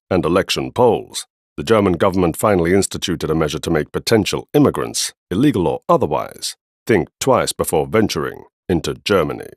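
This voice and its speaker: A man's voice: low voice, no room sound, studio quality. A man narrating a scripted news segment in an emphatic, declarative way.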